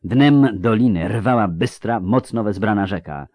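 Expressive male audiobook narrator, low voice. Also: unhurried, no room sound, studio quality. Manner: dramatic, expressive. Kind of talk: audiobook reading.

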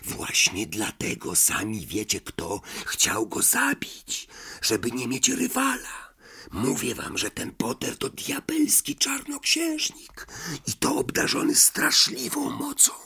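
A man's voice: medium pitch, unhurried, a little mellow, pitched above the performer's own voice, natural voice. A man voicing a self-important, nervous schoolboy who talks in an earnest, conspiratorial way. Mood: whispering. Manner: earnest, conspiratorial, drops to a whisper.

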